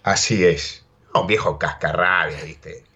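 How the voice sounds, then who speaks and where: An Argentine interview guest, bilingual in Spanish and English, rambles through casual stories, repeating words and constantly saying "¿viste?". His deep voice is steady and slow, pushed, bright and slightly rough, on dull lo-fi audio.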